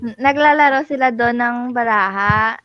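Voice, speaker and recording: A woman's voice: a little high, normal speed, dry recording, muffled recording. A Filipino woman answering a host's questions in short, hesitant replies. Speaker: guest. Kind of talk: casual chat.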